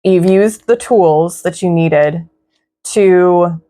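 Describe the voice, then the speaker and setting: A woman's voice: fairly low pitch, mellow. A young woman giving a casual tarot reading in a reflective, encouraging way. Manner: slow, reflective, spiritual, encouraging. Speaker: tarot reader.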